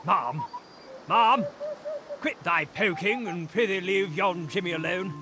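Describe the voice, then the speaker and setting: An actor voicing a pompous, genteel owl in a video game, scolding theatrically in mock-archaic speech. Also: male voice, sits high, normal speed, background noise. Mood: fussy, chiding. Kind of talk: video game character acting.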